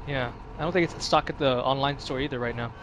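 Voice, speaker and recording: A man casually chatting while playing a video game, relaxed, with lots of fillers and swearing. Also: medium pitch, fast talker, muffled recording, background noise. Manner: laid-back, swears a lot, many fillers. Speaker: let's play commentator. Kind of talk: casual gaming chat.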